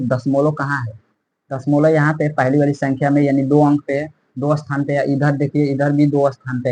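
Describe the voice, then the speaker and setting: Husky man teaching maths step by step. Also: mid-range voice, darkish tone, rough recording. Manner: repetitive, checks in often with "theek hai".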